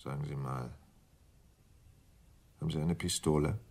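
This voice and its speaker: Urgent but controlled, a male actor with a bass voice speaks with fairly even intonation and a little mellowness. He is cast as a smooth, scheming English stockbroker in a German radio crime drama. The delivery stays deliberate and condescending.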